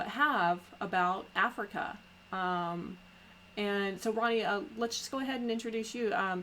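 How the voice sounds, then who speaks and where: A woman hosting a podcast in casual conversation, talking haltingly with many pauses and restarts. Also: medium pitch, fairly bright tone, slight background noise. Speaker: podcast host.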